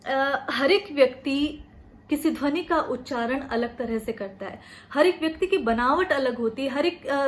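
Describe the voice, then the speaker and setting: A woman lecturer talks through an academic lesson, her voice sitting notably high. She explains patiently, pausing often with "uh" fillers and restarting phrases as she goes. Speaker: college lecturer.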